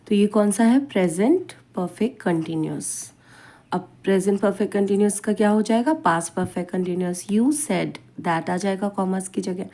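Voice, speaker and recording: A woman teaching English grammar in a classroom-style lesson, explaining step by step, asking questions and answering them herself with a frequent "right?", and reading English example sentences slowly. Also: mid-range voice, mellow.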